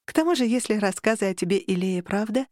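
A woman voicing a cheerful, kindly middle-aged vampire woman in an audiobook, with a teasing, gently sly manner, in a dry studio recording. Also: mid-range voice, lively intonation, fast talker, no room sound, close to an everyday voice.

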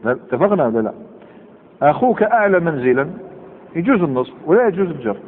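A man teaching a grammar lesson, explaining rules, repeating examples slowly and checking that his students follow. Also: on the high side, very animated. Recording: phone-like sound in a reverberant hall.

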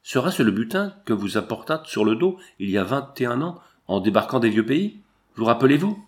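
A man doing a gruff police sergeant. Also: medium pitch, big pitch swings, a little fast, natural voice. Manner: blunt, exasperated.

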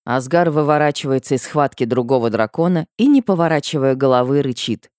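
A woman reading a first-person audiobook with emotional delivery and sudden high cries. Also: expressive, a little fast, a little mellow, no echo, studio quality. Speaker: audiobook narrator.

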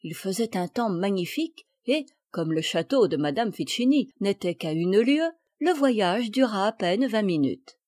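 A woman narrating a children's story in a clear, measured reading. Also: medium pitch, expressive, darkish tone, no echo, studio quality. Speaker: audiobook reader.

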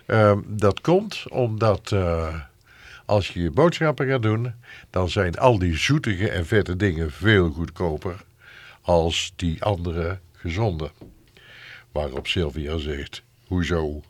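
Man, radio host, low voice, hesitant, thoughtful, dry studio sound. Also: animated, slow pace, no room sound. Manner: hesitant, thoughtful explaining with fillers. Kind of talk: radio book discussion.

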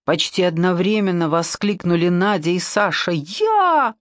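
A woman reading a novel aloud in a measured, even narration. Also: low voice, no echo, studio quality. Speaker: audiobook narrator. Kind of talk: scripted narration.

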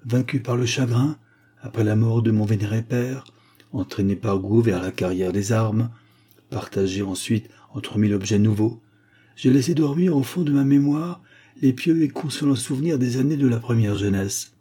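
A man's voice: mid-range voice, normal speed, mellow, breathy edge, natural voice. A man voicing an impulsive young Venetian captain in an audiobook reading, with a fervent, emotional delivery. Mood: ardent.

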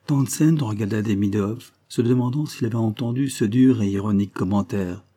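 A man reading a literary short story aloud in a measured narrating voice. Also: on the low side, dark tone, breathy edge.

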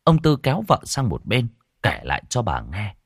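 A male storyteller with a lowish voice that swoops widely through every line, dropping to hushed tones for tension. The sound is dry and close, with no room around it. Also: moderate pace, husky, no echo. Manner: expressive, swinging between hushed and raised. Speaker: narrator. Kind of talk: dramatic audio-story narration.

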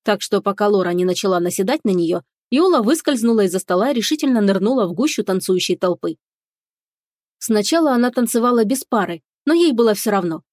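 A woman narrating a fantasy audiobook in a steady storytelling manner. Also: medium pitch, brisk, dry recording, clean studio sound.

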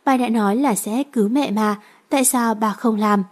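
A woman's voice: a little high, steady tone, normal speed, lightly acted. A woman reading aloud and voicing a grieving seven-year-old boy who resents his father. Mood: pleading.

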